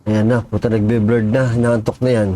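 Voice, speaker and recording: A man's voice: fairly low pitch, level tone, fairly quick, dark tone. A man giving casual reaction commentary on a video, chatting to viewers and cursing when startled. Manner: jumpy, exclaims and curses when startled.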